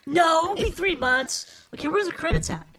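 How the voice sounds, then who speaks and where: Very high-pitched playful woman co-host. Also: animated, fairly quick, fairly bright tone, a little hiss or hum. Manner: playful, blunt, repeats herself. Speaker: podcast co-host. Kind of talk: casual chat.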